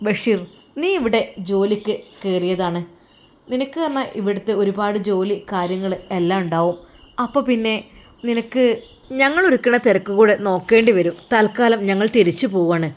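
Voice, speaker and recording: A woman's voice: mid-range voice, normal speed, lightly acted. A woman voicing a firm, motherly older woman. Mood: firm, kind.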